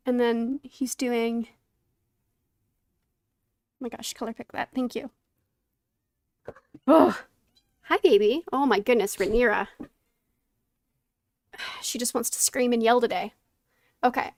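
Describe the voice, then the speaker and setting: Higher-pitched woman streamer with creaky edges. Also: dry recording, clean studio sound. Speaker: streamer painting along to a tutorial. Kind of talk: casual live-stream chat, thinking aloud.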